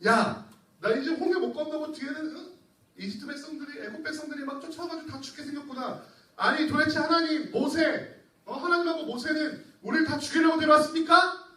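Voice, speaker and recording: A male preacher acting out a complaining, exasperated Israelite man in a loud, high voice. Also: a little fast, echoey room, recorded from a distance. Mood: grumbling complaint. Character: whining grumbling Israelite crowd member, male adult.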